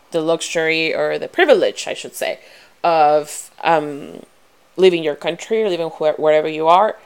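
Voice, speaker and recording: A young woman vlogger from Ecuador talks earnestly to camera about personal matters in a strong Ecuadorian Spanish accent. Her voice is low-pitched and smooth, and she uses frequent fillers and restarts, growing more animated as she goes.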